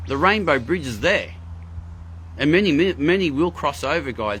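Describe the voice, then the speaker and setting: Male host for a live spiritual talk, earnest and emphatic, mid pitch, light hiss in the recording. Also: a bit bright. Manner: earnest, emphatic, repeats phrases for effect. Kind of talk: live-streamed spiritual talk, answering chat.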